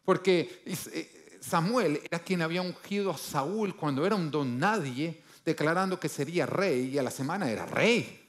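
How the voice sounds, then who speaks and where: A male pastor delivering a sermon, emphatic, swinging from loud bursts to low, quiet lines and acting out the voices he quotes. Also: lively intonation, normal speed, hardly any pauses. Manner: acts out quoted voices in his preaching.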